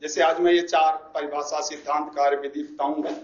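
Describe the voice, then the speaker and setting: Male teacher trainer, classroom lecture, slow repeated key phrases, echoey distant room. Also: a little high, flat delivery, highs cut off. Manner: explanatory, slowly repeats key English phrases.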